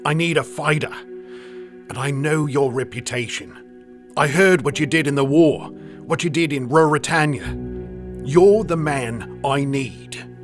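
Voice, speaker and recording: A man's voice: fairly high pitch, takes it slowly, faint music behind. A man doing a breezy Australian bushman. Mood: earnest. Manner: breezy, slangy, matter-of-fact.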